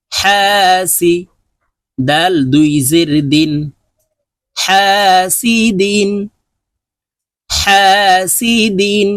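A man teaching Quran reading, spelling out each syllable and then drawing out the joined word in a slow drill. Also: high voice, fairly bright tone, no room sound, clean studio sound.

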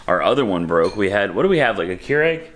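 A man's voice: on the low side, very animated, quick pace, fairly bright tone. A man in his thirties chatting casually to a handheld camera in his home kitchen, self-deprecating and restarting sentences. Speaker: vlogger father. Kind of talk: casual chat. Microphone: handheld camera at arm's length.

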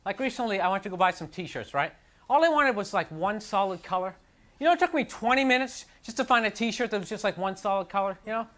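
A young man doing a stand-up routine on a TV studio stage, exasperated and self-mocking, jumping up into high mocking voices. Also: lively intonation, fast talker. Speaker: stand-up comedian. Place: TV studio stage with live audience. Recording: noisy, with loud audience laughter.

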